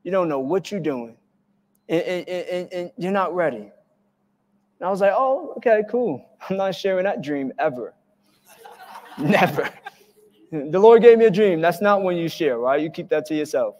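Animated pastor preaching in a reverberant hall. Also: male voice, fairly high pitch, moderate pace, long pauses. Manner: animated storytelling with acted-out quotes. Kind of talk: sermon. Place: church hall. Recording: church hall with long reverb.

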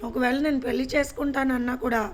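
A woman's voice: sits high, little pitch movement, fast talker, close to an everyday voice. A woman voicing a sarcastic, mocking older woman in a storybook reading.

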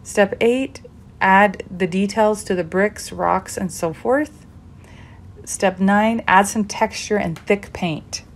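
A woman's voice: medium pitch, takes it slowly. A woman giving an upbeat, chatty painting tutorial voice-over, encouraging her viewers. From United States. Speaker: art teacher. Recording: echoey room.

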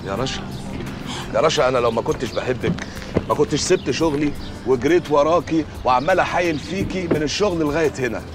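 An actor playing a joking, boastful young fiancé, speaking in Egyptian Arabic with a coaxing, teasing manner. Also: male voice, on the high side, fast talker, natural voice. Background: music.

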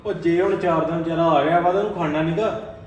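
A man's voice: a little high, fairly even intonation, quick pace, lo-fi sound, slight background noise, close to an everyday voice. A man playing a young son who argues back defensively with his mother. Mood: arguing. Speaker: son in a family skit. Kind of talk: comic family skit acting. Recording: echoey room from a distance.

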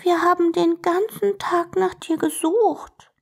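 A woman's voice: fairly even intonation, slow pace, gravelly, exaggerated voice. A woman voicing a curious little girl in a children's storybook. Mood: childlike. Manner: small, high, childlike.

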